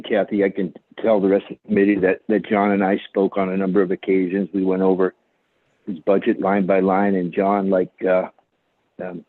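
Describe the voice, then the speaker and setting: A man speaking at a remote committee meeting over conference call audio, halting and repeating words. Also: deep voice, no room sound. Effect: phone-line conference call audio. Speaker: committee member. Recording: tinny phone line, dry.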